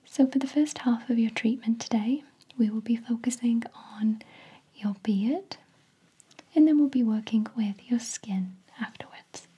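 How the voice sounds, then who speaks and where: A woman whispering gently as a spa therapist, her voice airy and breathy all the way through. She speaks slowly and soothingly, a touch higher in pitch, with a mellow, soft edge to every word. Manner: soft, soothing, slow and attentive. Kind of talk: whispered ASMR roleplay.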